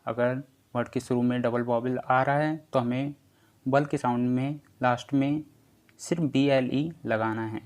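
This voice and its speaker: Slow, patient male teacher. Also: medium pitch, fairly even intonation, darkish tone. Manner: slow, patient and repetitive, drawing out letter sounds. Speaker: English pronunciation teacher. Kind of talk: slow spelling lesson explanation.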